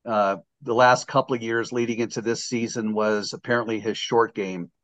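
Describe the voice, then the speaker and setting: A man's voice: on the low side, fairly even intonation, normal speed, fairly bright tone. An older man hosting a casual sports podcast, jokey and rambling, with lots of restarts. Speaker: podcast host.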